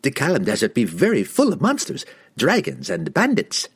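A man's voice: medium pitch, wildly swooping pitch, normal speed, vocal fry, husky, voice pushed up, full character voice. A man voicing a nervous, fawning merchant in an audiobook; he stammers, giggles and speaks in broken grammar.

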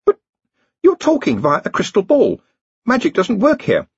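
A man's voice: high voice, wildly swooping pitch, moderate pace, husky, no room sound, lo-fi sound, pitched above the performer's own voice, exaggerated voice. A man voicing a fretful, bookish young wizard. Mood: alarmed.

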